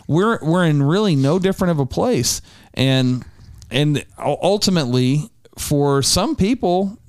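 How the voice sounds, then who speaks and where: A man's voice: a little high, no room sound. Talk show co-host, male, earnest and rambling; clean resonant voice, dead-dry room. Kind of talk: political talk show chat.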